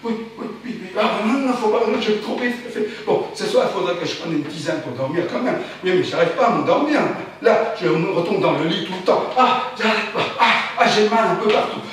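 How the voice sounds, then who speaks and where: A man performing a theatrical spoken-word monologue, chanting and repeating words frantically, asking himself quick questions and answering them, swinging between loud outbursts and hushed muttering. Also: high voice, expressive. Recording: very roomy, distant, faint background hiss.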